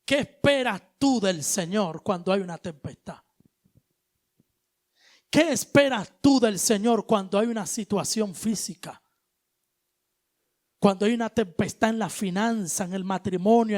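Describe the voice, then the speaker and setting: A male preacher giving an animated sermon, moving between loud exhortation and hushed asides, with casual slang. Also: high voice, unhurried, long pauses. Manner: colloquial, uses street slang.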